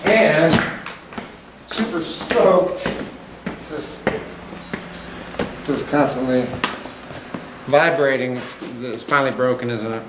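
A man's voice: medium pitch, slow pace, long pauses. A man hosting a ghost-hunting video inside an empty school, rambling casually and talking to unseen spirits, his voice echoing heavily off the bare walls. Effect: heavy echo bouncing around an empty building. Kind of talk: casual paranormal investigation vlog. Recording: echoey empty school hall with faint hiss.

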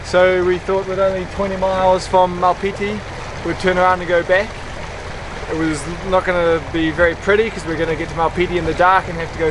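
Young man, sailboat vlog host, relaxed and chatty, flat steady delivery, clear wind and sea noise behind. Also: high-pitched. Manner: relaxed, chatty, laughs easily. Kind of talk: casual vlog narration. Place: outdoors on a sailboat deck at sea. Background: wind and water noise.

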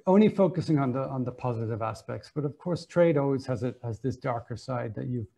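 A man speaks in a conversational discussion over a video call. His voice is dark, gravelly and husky. He often restarts and repeats words while working out his point. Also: mid-range voice, expressive, a little fast. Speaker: museum curator, moderator.

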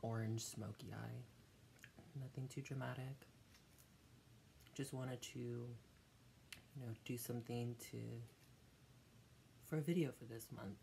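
A young adult with a gravelly voice, chatting casually between mouthfuls of crunchy chips in a home eating video. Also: medium pitch, a little mellow, slight background noise. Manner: eating crunchy chips while talking, with pauses to chew. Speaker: vlogger hosting an eating video. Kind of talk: casual eat-with-me mukbang chat. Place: small dim room at home.

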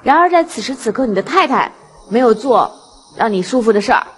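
A woman's voice: fairly high pitch, expressive, fairly quick, in a large hall. A woman hosting a TV talk show, asking probing, attentive questions. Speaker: host.

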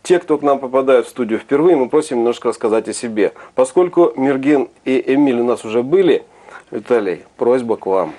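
Middle-aged guy hosting a tv studio chat, warm mellow voice, formal and measured, lapel mic. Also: mid-range voice, animated. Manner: measured, formal presenter speech with hesitations. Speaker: TV studio host. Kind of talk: studio interview. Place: small TV studio with sofas.

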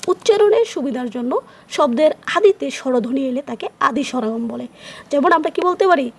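A high-pitched woman with a Bangladeshi Bengali accent teaches an exam-prep grammar lesson. She poses questions to the class, answers them herself and repeats each key term for emphasis. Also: a little hiss or hum.

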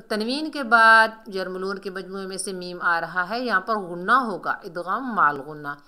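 A woman's voice: medium pitch, normal speed, bright, forceful tone. A woman teaching Quran recitation rules, patiently explaining pronunciation step by step and drawing out recited words as examples. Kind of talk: tajweed lesson explaining pronunciation.

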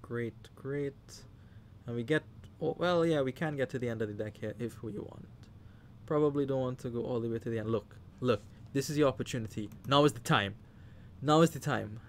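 Over slight background noise, a Trinidadian man with a medium-pitched voice commentates a card game a little fast. He's animated, addresses the players directly, and cheers loudly at the big plays.

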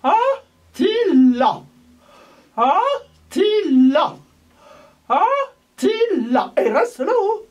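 A woman's voice: high-pitched, big pitch swings, slow, pauses often. A woman voice teacher coaching a singing lesson, breaking off her instructions to demonstrate sung vowels. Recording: voice from far off the mic.

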